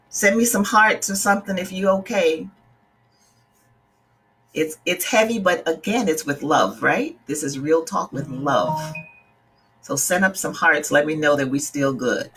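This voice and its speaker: Husky-voiced woman coaching her viewers. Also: fairly low pitch, fairly bright tone. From Bahamas. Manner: earnest and direct, greets viewers by name mid-talk. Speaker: life coach hosting a live stream. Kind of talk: casual livestream talk.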